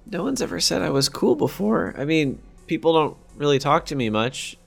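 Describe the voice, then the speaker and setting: A man voicing a shy, lonely young girl who talks in halting, awkward bursts. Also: on the high side, sing-song, gravelly, faint music behind, voice pushed up, full character voice. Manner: halting, awkward, blurts things out.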